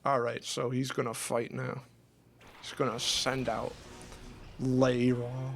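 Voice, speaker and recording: A man's voice: medium pitch, completely flat delivery, takes it slowly, creaky. A man streaming a video game and chatting casually, rambling with many restarts and laughs. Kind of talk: casual chat while gaming.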